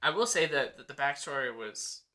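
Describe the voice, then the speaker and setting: A young man co-hosting a casual movie discussion, animated and full of "like" fillers, acting out scenes as he talks. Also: medium pitch, moderate pace. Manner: animated, acts out scenes with quoted lines, many "like" fillers. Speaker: podcast co-host.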